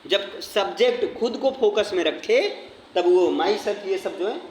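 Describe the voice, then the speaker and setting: High-voiced man teaching grammar in an echoey classroom. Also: measured pace. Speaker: English teacher. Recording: echoey classroom with faint noise.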